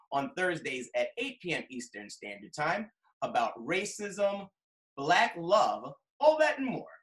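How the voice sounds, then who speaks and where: A man's voice: a little high, sharp tone, echoey room, poor audio. A man hosting an interview show, introducing his guest in an upbeat, promotional manner. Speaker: host.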